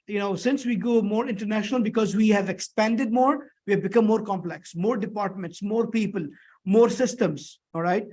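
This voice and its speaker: High-pitched male lecturer with a sore throat. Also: darkish tone. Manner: conversational, repetitive, checks understanding with short tag questions. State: sore throat, slightly thick, strained voice with throat clearing. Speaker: instructor teaching an online or classroom course. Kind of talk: explanatory lecture with frequent check-in questions.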